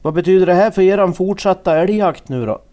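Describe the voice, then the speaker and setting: A man reporting the news in a measured, scripted narration. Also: sits high, mellow.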